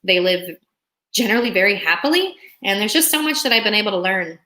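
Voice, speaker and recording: A woman's voice: medium pitch, expressive, quick pace, sharp tone. A young woman, born in Russia, chatting upbeat with viewers on a live stream as a relocation consultant. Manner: upbeat, chatty, reads viewer comments aloud.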